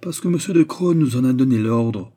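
A man's voice: medium pitch, animated, normal speed, dark tone, voice pushed up, lightly acted. A man voicing a brash, boastful police agent in a storybook reading. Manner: bold, boastful.

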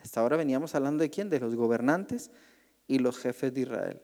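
A man's voice: mid-range voice, lively intonation, brisk, mellow, long reverb tail. A male pastor teaching a Bible class in a conversational way, asking the group questions and acting out the voices he quotes.

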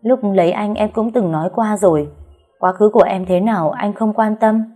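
A woman's voice: medium pitch, normal speed, dark tone, soft background music, pitched above the performer's own voice, natural voice. A woman voicing a good-natured, easygoing husband in a breezy, casual way.

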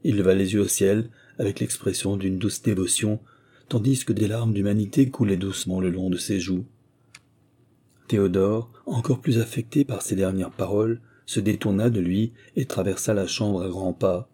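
A man narrating a classic novel as an audiobook, reading in a measured, steady way. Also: lowish voice, husky.

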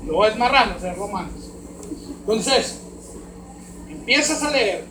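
A man's voice: high voice, animated, slow pace. Mexican male pastor, emphatic sermon, roomy hall with faint hiss. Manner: swings from hushed to loud, emphatic preaching. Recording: roomy hall echo, faint background noise.

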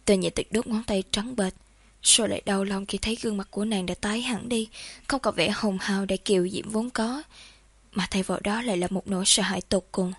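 A woman reading a novel aloud in the first person, in a calm, steady storytelling manner. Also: mid-range voice, brisk, breathy edge, no room sound. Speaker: audiobook narrator.

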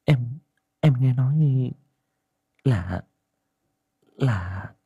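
Man doing a hushed, anxious village woman. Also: medium pitch, lively intonation, gravelly, slightly rough, no echo, clean studio sound, pitched above the performer's own voice, heavily acted. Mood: confiding. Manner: hushed, rushing whisper, anxious. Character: worried younger village woman, hushed and confiding.

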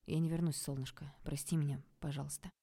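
A woman reading the part of a guilty young man, quiet and pleading. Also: sits low, little pitch movement, quick pace. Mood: soft apologetic. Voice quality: quiet, hushed.

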